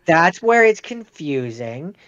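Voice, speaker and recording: A podcast co-host casually explains films and goes back over his points, recorded on slightly dull audio. His voice is on the high side, sing-song and a bit bright, and he takes it slowly.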